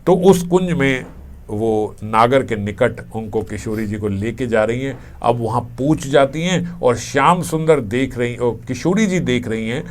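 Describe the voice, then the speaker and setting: A man giving a devotional scripture discourse, telling a sacred story in a gentle, storytelling way with frequent shifts in loudness. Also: medium pitch, expressive, measured pace, a little hiss or hum. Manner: gentle, storytelling, varies volume often. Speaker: spiritual teacher.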